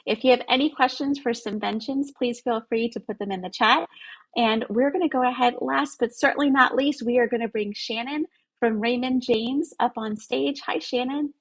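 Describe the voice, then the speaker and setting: A woman's voice: a little high, normal speed, rough recording. A woman acting as event host, moderating an online webinar between presenters. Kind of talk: webinar hosting.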